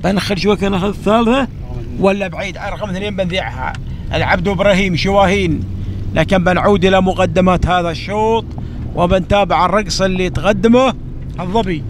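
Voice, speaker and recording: A man's voice: high voice, fast talker. A man with a Gulf Arabic accent giving live camel race commentary, repeating phrases for emphasis. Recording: outdoor recording with vehicle noise. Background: faint car and outdoor noise.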